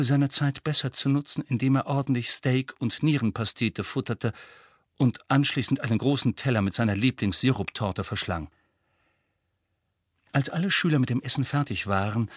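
A man reading a children's fantasy audiobook aloud in an even storytelling voice at a medium pitch. The sound is dry and close, with no room in it. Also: breathy edge, dry recording. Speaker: audiobook narrator. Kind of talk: scripted narration.

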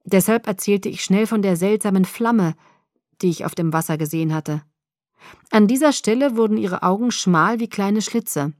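A woman's voice: medium pitch, a little mellow, no room sound. Woman reading a novel aloud, up close. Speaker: audiobook narrator. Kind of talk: first-person novel reading.

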